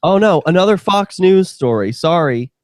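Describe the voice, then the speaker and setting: A male radio host in full rant, swearing freely and jabbing with sarcasm. His voice sits a little high for a man. The sound is dry with no room around it. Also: expressive, moderate pace, darkish tone, dry recording. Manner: profane, heated and sarcastic. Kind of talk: casual talk radio rant.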